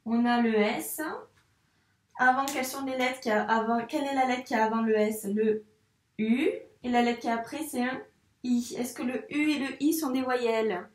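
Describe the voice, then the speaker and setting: In an echoey room and recorded from a distance, a woman with a highish, steady voice teaches young children to read. She is a patient primary school teacher who sounds out each letter slowly and over-articulates for them.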